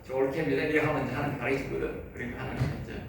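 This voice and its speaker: A man's voice: mid-range voice, level tone, racing, vocal fry. A man with a Gyeongsang Korean accent, a pastor giving a sermon lecture, talking to his listeners in a conversational way and firing rhetorical questions at them. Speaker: pastor teaching at a seminary. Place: church lecture hall. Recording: echoey hall, mic far off, faint noise.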